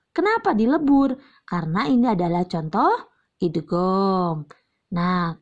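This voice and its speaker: A woman's voice: medium pitch, darkish tone. A young woman teaching Quran reading rules, asking questions and answering them herself, and stretching out each example word. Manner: drawn-out recited examples, repeats key terms, asks and answers herself. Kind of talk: slow patient tajwid lesson. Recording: slightly dull lo-fi recording.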